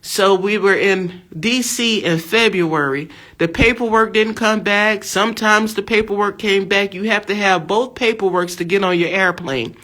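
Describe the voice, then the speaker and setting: At a moderate pace with few pauses, a woman in her fifties from the USA preaches in a medium-pitched, slightly bright voice. Her religious testimony is fervent and exhortative, emphatic, and marked by repeated phrases.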